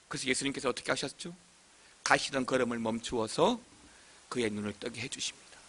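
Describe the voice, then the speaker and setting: Animated, bright-voiced male pastor preaching. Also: high voice. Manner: animated preaching, bursts into shouts and acted cries. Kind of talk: sermon.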